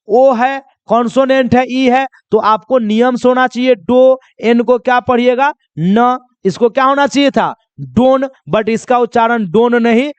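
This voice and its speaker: High-voiced male teacher drilling questions. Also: clean tone, no room sound. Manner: drills with repeated quiz questions; addresses viewers as children. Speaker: English pronunciation teacher. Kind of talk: classroom-style lesson.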